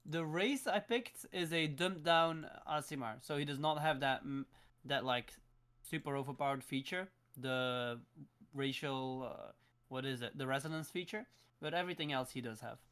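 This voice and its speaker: A man's voice: mid-range voice, moderate pace, a bit bright, clear, resonant tone. A man playing in a tabletop game, describing his character hesitantly, stopping and restarting often. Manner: hesitant, full of fillers and restarts. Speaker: player. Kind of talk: casual tabletop game chat.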